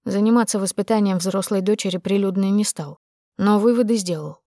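A woman narrating an audiobook in a restrained, even first-person reading. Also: mid-range voice, a little fast, no echo, clean studio sound.

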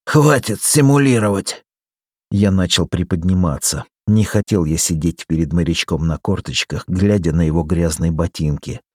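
Man, audiobook narration, low voice, dry close sound. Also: fairly even intonation, normal speed, hardly any pauses, a little mellow, slightly rough, no room sound. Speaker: audiobook reader. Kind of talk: scripted first-person narration.

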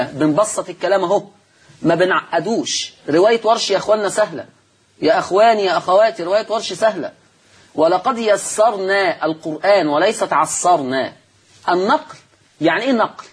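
Husky Egyptian teacher drilling recitation rules. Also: male voice, high voice. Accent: Egyptian Arabic. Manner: explains step by step, repeats key terms, asks and answers his own questions. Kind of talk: televised religious lesson.

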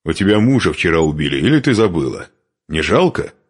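Man doing a gruff commanding warrior. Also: deep voice, big pitch swings, a little fast, heavily acted. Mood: stern. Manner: gruff, barking orders. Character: stern commanding grown male warrior.

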